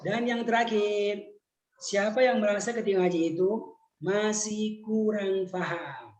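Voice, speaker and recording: A man teaching a Quran lesson in an online webinar, putting questions to his listeners and slowing right down when he recites. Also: high voice, a little mellow, reverberant, a little hiss or hum. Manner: questions the audience, slow drawn-out recitation. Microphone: video call.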